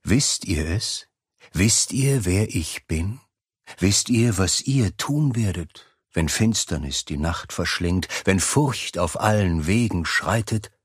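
A man acting as a mysterious fireside storyteller, very low and husky. He tells his dark tale with ominous weight and dramatic pauses, as in an audio drama, recorded close and dry. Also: expressive, dry recording, full character voice. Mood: grave, foreboding. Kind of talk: scripted dramatic storytelling in German.

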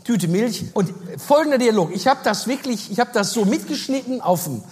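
A woman comedian telling a stand-up story in a lively, animated way. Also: on the high side, normal speed. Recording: reverberant hall.

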